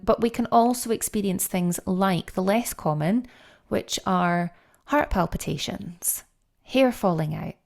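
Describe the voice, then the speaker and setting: A middle-aged woman explaining things step by step as a guest coach in a podcast interview, with lively, animated stresses. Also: medium pitch, creaky.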